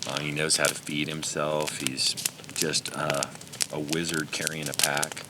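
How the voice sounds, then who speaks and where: Talking a little slowly in a flat, rumbling low voice, this pack goat guide and channel host addresses the camera casually from an alpine backcountry trail. He earnestly wanders through thoughts on his goats and his days in the wild, amid very noisy sound.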